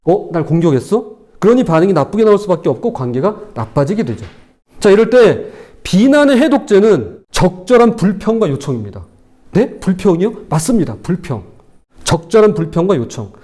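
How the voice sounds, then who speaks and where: Male pastor, sermon delivery; high-pitched and very animated, plays out spouses' quarrels. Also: a little fast.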